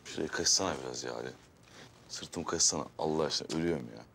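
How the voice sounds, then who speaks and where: A man's voice: rumbling low, fast, gravelly, noisy background. A man in a TV comedy, whining and complaining as he itches. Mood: whiny. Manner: whiny, complaining. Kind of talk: TV comedy acting.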